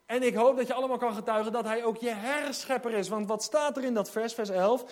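A man's voice: very high-pitched, a little fast. A man preaching a sermon, urgent and exhorting, reading scripture with emphasis. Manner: dramatizes hesitant voices in hushed tone.

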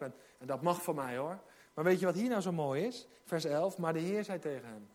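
A man preaching a sermon, urgent and exhorting, reading scripture with emphasis. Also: high voice. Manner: dramatizes hesitant voices in hushed tone.

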